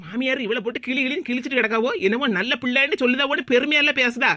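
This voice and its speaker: A woman doing a sneering, fast-talking gossip. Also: sits high, fairly even intonation, sharp tone. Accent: Tirunelveli Tamil. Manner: sneering, quick, mocking.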